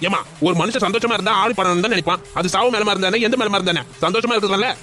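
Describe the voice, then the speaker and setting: A man's voice: sits high, rapid-fire, pushed and bright, soft background music. A man doing a brash drunk cartoon father. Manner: brash, mocking, defiant. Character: drunk, boastful middle-aged father.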